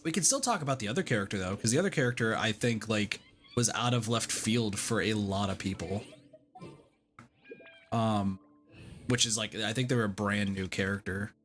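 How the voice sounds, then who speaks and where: This is casual gameplay chat from a livestreamer with a mid-range, fairly bright voice at a moderate pace. The streamer rambles and repeats, swears bluntly, and leans heavily on "like," with video game music underneath.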